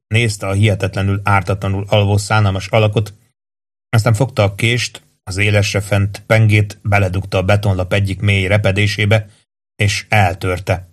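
A man narrates an audiobook in a measured, even way. His voice sits a little on the low side. The reading is steady and unhurried.

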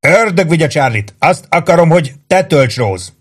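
A man's voice: on the high side, expressive, husky, voice pushed up. A man voicing a sly, boisterous army sergeant who mocks and needles his friend over drinks. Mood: mocking. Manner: mocking, needling.

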